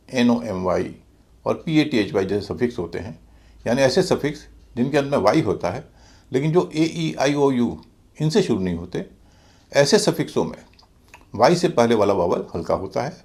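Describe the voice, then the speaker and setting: A man teaching English pronunciation, spelling out letters and syllables slowly and deliberately in a scripted lesson. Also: mid-range voice, gravelly, a little mellow.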